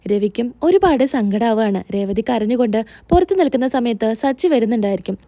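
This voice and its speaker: A woman retells a TV serial episode in plain, steady narration. Her voice is fairly high but warm. The recording is close and dry. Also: fairly quick, no echo. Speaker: storyteller.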